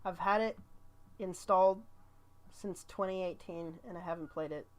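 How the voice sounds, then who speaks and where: A woman's voice: fairly low pitch, moderate pace. A woman hosting a casual livestream, upbeat and blunt as she gives her opinions on animation entries. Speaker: livestream host.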